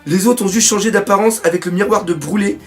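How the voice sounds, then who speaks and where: A man from France doing live reaction commentary on a manga chapter, excitable, swearing often and reading panels aloud. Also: high voice, fast talker, faint music behind.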